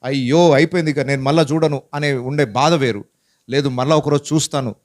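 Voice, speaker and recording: A pastor preaching a Bible-teaching sermon in a conversational way, asking many rhetorical questions and mixing in English words. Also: male voice, mid-range voice, fairly even intonation, brisk. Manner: mixes English words into his speech.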